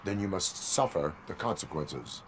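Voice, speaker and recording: An actor playing a stern male cyborg police officer who speaks in a flat, measured, commanding way. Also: low-pitched, slight background noise. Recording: game audio over music.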